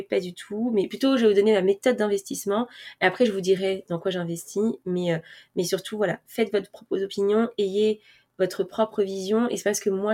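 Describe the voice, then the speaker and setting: Speaking to camera in a mid-range, a little mellow voice, the woman casually explains personal finance one step at a time. Her talk is full of fillers and restarts, and she is self-mocking, laughing at herself at times.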